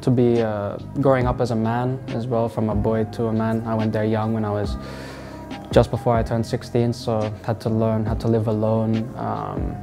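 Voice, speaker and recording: A young man from Australia, a football player answering interview questions in a relaxed, halting way with many fillers. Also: on the low side, creaky. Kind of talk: sit-down interview. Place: indoors in front of a wall of football boots. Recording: music playing underneath.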